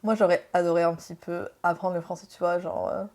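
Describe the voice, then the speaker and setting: A woman hosting a podcast, interviewing her guest in a relaxed, curious way with follow-up questions. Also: on the low side, a little fast. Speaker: podcast host.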